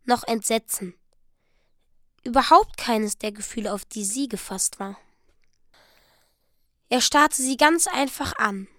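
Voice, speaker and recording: A woman narrating a story aloud in a calm, measured reading. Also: fairly high pitch, dry recording, studio quality.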